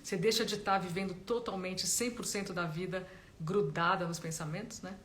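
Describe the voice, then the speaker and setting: A woman, a meditation teacher giving a gentle, explanatory live talk and often tagging her sentences with a question. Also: on the low side, steady tone, moderate pace, slight background noise. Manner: gentle, explanatory, frequent "né?" tags.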